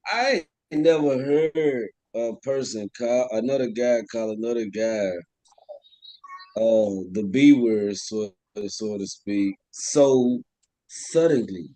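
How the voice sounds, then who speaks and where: A man co-hosting a casual sports podcast, expressive and swinging between loud and quiet. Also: medium pitch, takes it slowly, dry recording. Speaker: podcast co-host.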